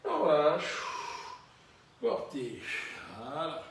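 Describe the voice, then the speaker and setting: A man leading a Pilates class, counting reps and giving calm encouraging cues. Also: a little high, slow, distant mic. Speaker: Pilates instructor. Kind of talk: guiding a fitness class. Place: fitness studio, indoors. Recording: very echoey gym room from afar.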